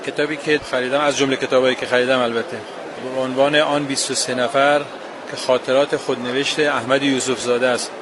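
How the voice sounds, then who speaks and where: Man reading aloud, flat, street noise. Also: mid-range voice. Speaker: listener reading a book aloud.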